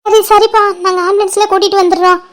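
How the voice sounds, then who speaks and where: A woman's voice: very high voice, little pitch movement, fast. A woman voicing a flustered middle-aged mother who frets and exclaims in worry in a cartoon. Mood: fretful. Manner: fretful, exclaiming. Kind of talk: cartoon voice acting.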